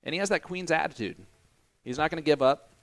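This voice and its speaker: A man's voice: on the high side, quick pace. A man from Indiana with an American accent, hosting casual, bantering darts commentary with a joking, teasing manner. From Indiana, United States. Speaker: stream commentator and host.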